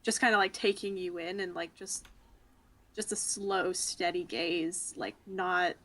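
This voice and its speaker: A woman's voice: lowish voice, steady tone, a little slow, pushed and bright. Chatty woman player in a tabletop game. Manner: chatty, hesitant, many fillers. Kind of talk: tabletop role-play session.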